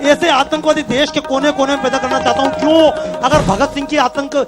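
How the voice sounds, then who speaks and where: A man's voice: very high-pitched, level tone, brisk, over loud music. A man giving a fiery speech from a stage to a live audience, firing rhetorical questions at the crowd. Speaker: public speaker.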